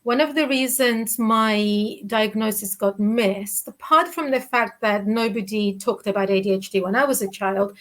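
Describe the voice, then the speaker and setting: Speaking from her living room over a video call webcam, this Cypriot children's author in her forties is an interview guest with a Cypriot Greek accent. Her voice sits in the mid range, and she talks at normal speed with hardly any pauses. She comes across as candid and reflective, with frequent restarts and fillers.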